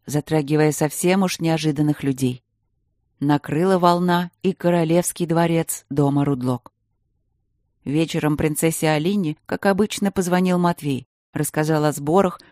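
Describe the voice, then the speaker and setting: A woman narrating an audiobook in a steady, measured way. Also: sits low, no room sound, studio quality. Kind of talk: scripted narration.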